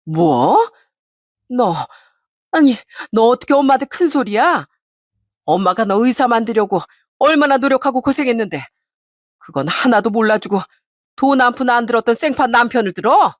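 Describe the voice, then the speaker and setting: A woman voicing a snobbish, furious middle-aged mother of the bride who scolds and shouts with contempt. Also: on the high side, no echo, studio quality.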